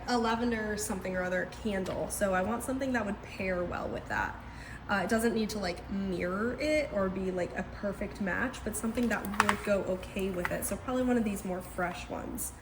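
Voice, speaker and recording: Congested from a cold, a young woman tests household scents indoors at home and thinks aloud in a chatty vlog narration. Her voice is medium-pitched, and there's background noise. She is a lifestyle vlogger.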